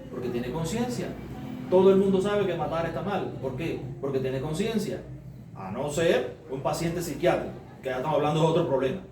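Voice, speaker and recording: Male preacher, high voice, teaching sermon with rhetorical questions; distant mic, echoey room, faint noise. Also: warm tone. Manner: explains step by step, asks rhetorical questions. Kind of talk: sermon, Bible study teaching.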